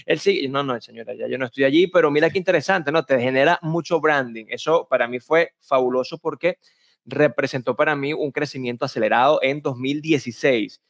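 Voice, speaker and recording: A man's voice: medium pitch, brisk. A man with a Venezuelan accent, a communication coach telling anecdotes in a conversational interview, acting out voices as he goes. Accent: Venezuelan Spanish. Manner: animated storyteller, acts out quoted voices. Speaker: communication and public speaking coach, interview guest.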